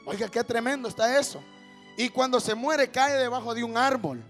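A man with a Honduran accent preaching a fervent evangelical sermon, speaking straight to his congregation and building up to shouts. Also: extremely high pitch, moderate pace, soft background music.

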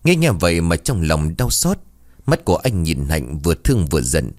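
A man reading a story aloud in an expressive, dramatic way. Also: sits low, normal speed, no room sound, studio quality. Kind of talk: scripted story narration.

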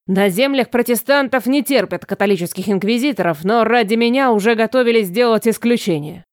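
A woman's voice: a little high, fairly quick, no room sound, clean studio sound, close to an everyday voice. A woman voicing a proud male lich sorcerer who speaks in an indignant, haughty way.

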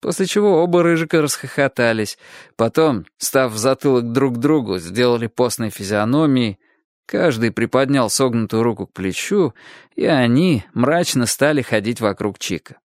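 A man narrating a story as an audiobook reader, in an expressive storytelling manner. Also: mid-range voice, normal speed, dry recording, clean studio sound. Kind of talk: scripted narration.

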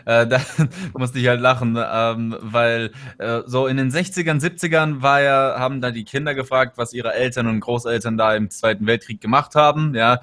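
A man's voice: mid-range voice, fairly even intonation, moderate pace, a bit bright. A man co-hosting a casual political chat show, talking sarcastically with many fillers. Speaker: podcast co-host.

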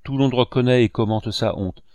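A man reading a gentle tearful young woman. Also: mid-range voice, moderate pace, dry recording, close to an everyday voice. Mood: reproachful. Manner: soft, reproachful. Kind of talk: audiobook character reading.

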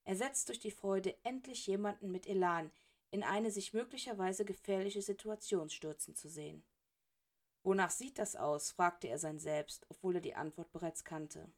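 Woman, audiobook narration, steady, even reading. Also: mid-range voice, normal speed. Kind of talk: storybook narration.

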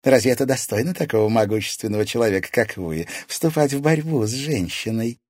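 A calm, needling baroness of shadows, as a man puts her on in a much higher voice. Her lines glide with lively rises and falls. The recording is dry and close-miked. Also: fairly quick, no room sound, natural voice. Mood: cool. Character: poised noble lady of shadows, calm and sly.

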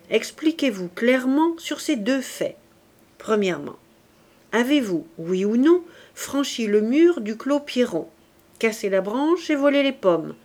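A woman voicing an attentive, kindly male court president who speaks in a measured, formal way. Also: fairly high pitch, a little mellow.

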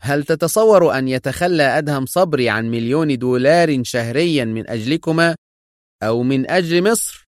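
A man voicing a composed male secret agent hero in an audiobook, speaking calmly and firmly. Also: mid-range voice, fairly quick, no room sound, clean studio sound, pitched above the performer's own voice, lightly acted. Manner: calm, firm, controlled.

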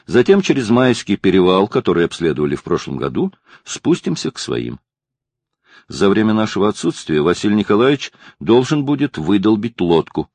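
Low, husky male storyteller. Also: big pitch swings, moderate pace, darkish tone, dry recording. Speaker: audiobook narrator. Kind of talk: first-person memoir reading.

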